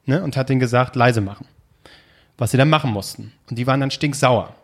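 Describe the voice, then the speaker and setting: A man's voice: mid-range voice, fairly quick. A young man telling a story in casual chat, rambling and hesitant, often breaking into laughter.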